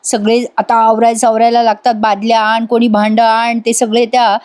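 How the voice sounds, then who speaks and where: A woman's voice: a little high, little pitch movement, normal speed, a little mellow. Chatty woman retelling a soap episode. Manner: chatty, giggly, addresses viewers. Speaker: serial episode reviewer. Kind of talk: casual voice-over story retelling.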